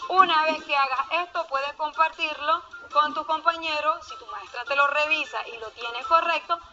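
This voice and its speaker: Bright, high-voiced woman teaching children. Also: dull audio, faint music behind. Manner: slow, patient explaining to pupils. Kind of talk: online class lesson for children.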